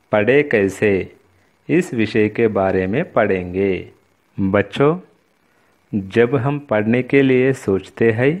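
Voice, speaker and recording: A man's voice: fairly low pitch, darkish tone. A man teaching a recorded Hindi reading lesson to schoolchildren, patient and repetitive, often addressing the children directly. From India.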